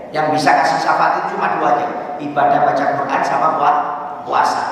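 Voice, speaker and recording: Indonesian guy preaching at a mosque, bit high voice, big echoey hall, sounds far off the mic. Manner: storytelling with rising excitement and repeated "ya". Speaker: preacher leading a study circle. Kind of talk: religious lecture.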